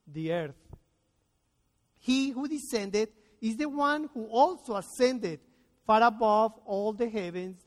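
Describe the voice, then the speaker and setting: Here a high-voiced man from Colombia, a native Spanish speaker, gives a slow sermon as a guest preacher. The church sanctuary is reverberant, and he reads scripture earnestly and deliberately, stressing the words.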